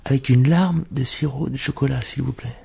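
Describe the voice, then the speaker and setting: A man doing a soft-spoken fat diner. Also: medium pitch, steady tone, normal speed, vocal fry, breathy edge, full character voice. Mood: sheepish. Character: very fat polite male diner, gentle and breathy.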